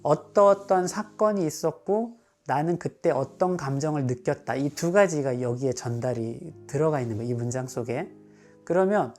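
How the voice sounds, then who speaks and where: A male psychiatrist calmly explaining advice for parents, now and then acting out what a parent or child would say. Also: a little high, moderate pace, soft background music.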